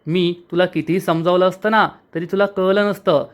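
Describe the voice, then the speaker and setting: A man's voice: sits high, steady tone, moderate pace, natural voice. A man reading the lines of a rich young man, determined and in love, in a soap recap.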